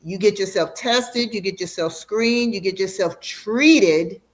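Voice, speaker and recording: A middle-aged woman speaks as a guest doctor in an interview, explaining clearly and patiently. She slows down to drive home important points and sometimes laughs as she talks. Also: medium pitch. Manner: warm, explanatory, slows for emphasis. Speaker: radiation oncologist guest. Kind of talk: educational interview.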